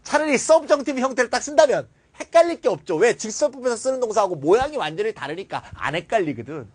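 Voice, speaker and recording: A man's voice: very high-pitched, fast talker. A man teaching an English grammar lecture, asking questions and answering them himself, and ranting bluntly. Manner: animated, rants and scolds in blunt slang. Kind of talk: classroom lecture.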